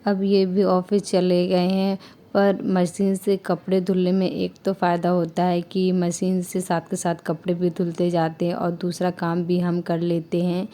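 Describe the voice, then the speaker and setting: A young mother from India talks through her daily chores in a calm, even voice-over. Her tone is mellow and low, with little rise and fall. She explains each step steadily and circles back to the same points. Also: a little slow, a little hiss or hum. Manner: steady, explanatory, repeats herself often. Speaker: vlogger mother. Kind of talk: calm voice-over narration of a home routine.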